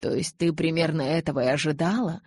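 A woman's voice: steady tone, normal speed, vocal fry, a little mellow, slightly rough, no echo, full character voice. A woman voicing a brooding, icy young vampire. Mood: bitter. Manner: icy, clipped, low-spoken. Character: brooding young male vampire, cold and tormented.

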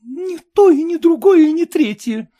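A woman's voice: lively intonation, moderate pace, warm tone. A woman voicing a young tearful wife in a storybook reading, sobbing and accusing. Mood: tearful reproach. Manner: sobbing, accusing, high-strung. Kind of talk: audiobook reading.

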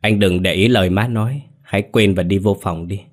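A male storyteller voicing a sinister young wife, giving curt, flat commands. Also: low voice, fairly quick. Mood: cold.

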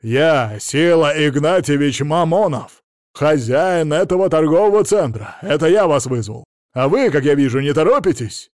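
A man voicing a drunk, red-faced, bullying millionaire, shouting and blustering in an audiobook. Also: a little high, very animated, fairly quick, no echo, clean studio sound. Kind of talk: audiobook character voice.

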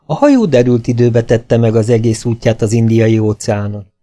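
Male audiobook narrator, mellow and warm tone, plain storybook reading. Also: medium pitch. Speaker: audiobook reader.

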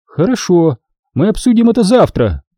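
A man's voice: sits high, sing-song, normal speed, dark tone, dry recording, studio quality, pitched above the performer's own voice. A man voicing a strict, prim female warden who scolds sharply with a falsely sweet manner. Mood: stern.

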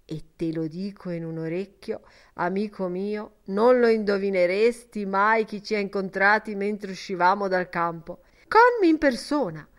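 A woman's voice: mid-range voice, lively intonation, measured pace, natural voice. A woman reading an earnest young man in an audiobook, speaking fervently and in a confiding tone.

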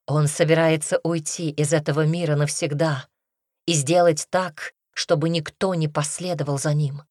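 A woman's voice: sits low, fairly even intonation, moderate pace, darkish tone, no echo, studio quality. A woman narrator voicing a weary, grave mother explaining bad news in an audiobook. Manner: grave, sad.

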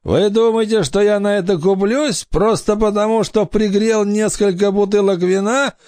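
A man's voice: high-pitched, steady tone, moderate pace, a little mellow, dry recording, clean studio sound, pitched above the performer's own voice, lightly acted. A man voicing a boastful, easily scared adult pirate with a raised, blustering voice in an audiobook. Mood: mocking. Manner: blustering, threatening. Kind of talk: audiobook character voice.

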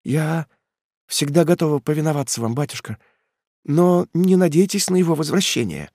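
A man voicing a frightened, devoted young daughter in an audiobook, speaking in a high, pleading tone. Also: expressive, normal speed, dark tone, dry recording. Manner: pleading, anxious.

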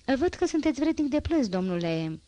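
A gentle old gentleman speaks kindly to a poor family, read by a woman narrator. His manner is mild and a little sad. The recording is dry, with no room sound. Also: sits high, big pitch swings, no echo, muffled recording, pitched above the performer's own voice. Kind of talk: audiobook character reading.

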